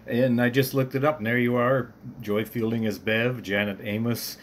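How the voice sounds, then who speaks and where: A man's voice: mid-range voice, steady tone, normal speed, slight background noise. A man hosting an interview, laughing along and giving short replies. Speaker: podcast host.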